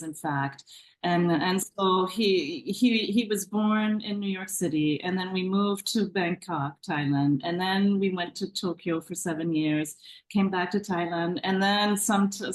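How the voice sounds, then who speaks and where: Casual middle-aged woman guest from canada, rambling and warm-toned chat with frequent restarts. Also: on the low side, poor audio. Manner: chatty, restarts often, laughs easily. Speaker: guest author. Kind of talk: conversational interview.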